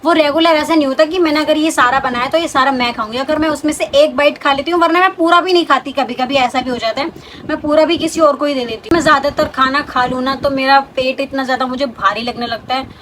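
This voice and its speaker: A woman's voice: high voice, quick pace, a bit bright, slight background noise, poor audio. A talkative young woman vlogger, pregnant, chatting casually as she answers her viewers' questions. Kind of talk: casual chat.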